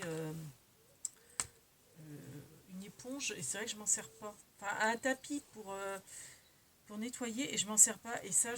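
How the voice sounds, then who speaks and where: Over background noise, a crafting vlogger with a mid-range female voice walks through her recent craft-supply haul. Her delivery is relaxed and talkative but halting, packed with fillers and frequent self-corrections.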